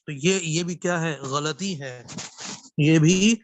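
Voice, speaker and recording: A man teaching Quran recitation in a classroom lesson. He asks questions, answers them himself, repeats key phrases and slows down to recite verses. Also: fairly high pitch, dry recording.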